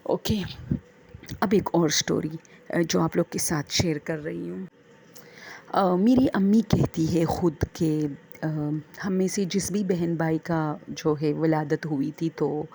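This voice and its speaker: A woman casually telling true horror stories, hesitant with many fillers and pauses. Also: on the low side, warm tone, breathy edge. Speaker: storyteller. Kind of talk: casual spoken storytelling.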